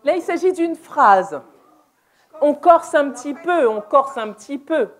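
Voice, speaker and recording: A woman presenting a deaf ministry workshop in a church, playful and quick to laugh, with hesitant restarts. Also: high-pitched, expressive. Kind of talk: interactive church workshop talk. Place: church hall, indoors.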